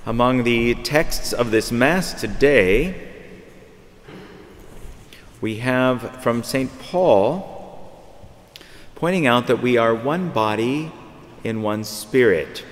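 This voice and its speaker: Man in his fifties, priest, conversational sermon, mid-pitched voice, long church reverb. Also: slow pace, long pauses. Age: 50s. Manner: conversational, repeats phrases while searching for words. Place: large church, at a pulpit. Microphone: far camera.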